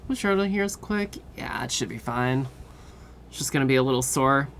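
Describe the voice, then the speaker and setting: A woman streamer chatting casually with her viewers, tired and relaxed, swearing now and then. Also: rumbling low, fairly quick, slight background noise. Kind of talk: casual chat with live viewers.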